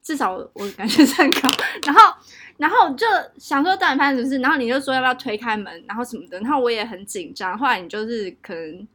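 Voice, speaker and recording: A young woman with a Taiwanese Mandarin accent chatting casually, telling a story in an animated, exaggerated way. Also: on the high side, quick pace. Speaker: podcast co-host. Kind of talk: casual chat. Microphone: home test recording.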